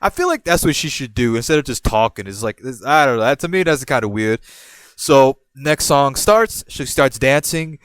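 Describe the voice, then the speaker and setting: A young man from Puerto Rico hosts a podcast, his medium-pitched voice clean in tone and moderate in pace over a dry recording. He tells a loose, rambling story casually and with animation, jumping into quoted voices and restarting as he goes.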